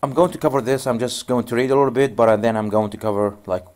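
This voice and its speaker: Speaking quickly at a medium pitch, a networking instructor with Arabic as his first language walks through a screen-recorded tutorial. His tone is a little mellow, and his delivery wanders with frequent restarts.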